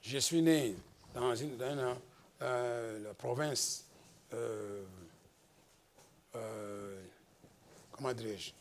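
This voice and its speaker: Slow-preaching Congolese pastor. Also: male voice, mid-range voice. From Democratic Republic of the Congo. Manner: slow, emphatic preaching with rising exhortations. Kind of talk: sermon.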